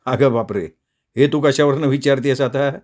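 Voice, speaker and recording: A man's voice: mid-range voice, moderate pace, a little mellow, natural voice. A man reading a storybook voices an earnest young man in his own plain voice.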